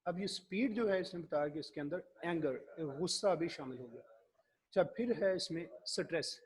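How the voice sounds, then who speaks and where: A man giving a classroom lecture, explaining slowly and acting out his examples. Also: on the high side.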